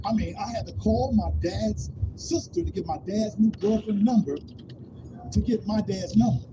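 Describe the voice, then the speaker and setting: A man's voice: sits high, moderate pace. A man telling a funny story in a loose, casual style, acting out what everyone said. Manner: animated, acts out quotes in different voices. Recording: noisy live stream.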